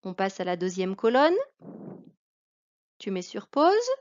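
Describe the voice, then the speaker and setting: A woman with a French accent teaching a reading lesson to a child, speaking slowly and carefully. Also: mid-range voice, big pitch swings, darkish tone. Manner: slow, careful, addressing a child. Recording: dull lo-fi recording.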